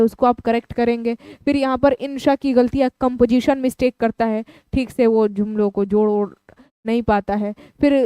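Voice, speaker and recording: A woman's voice: a little high, dark tone, smooth, no room sound. A woman teaching an exam-prep lecture, explaining each term and repeating it in plain words. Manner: explanatory, repeats terms in several languages.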